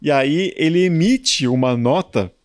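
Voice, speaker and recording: Lively Brazilian man telling stories. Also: on the high side, measured pace, dry recording, studio quality. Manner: lively, animated anecdote telling with colloquial asides. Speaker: motorsport journalist. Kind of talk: casual storytelling in a conversation.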